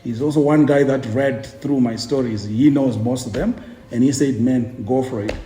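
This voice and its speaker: A man's voice: mid-range voice, moderate pace, warm tone. A man in his forties from Zimbabwe, a tour guide and author, talking casually in an interview, chatty and jokey, often repeating words while he searches for the next ones. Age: 40s. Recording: roomy echo.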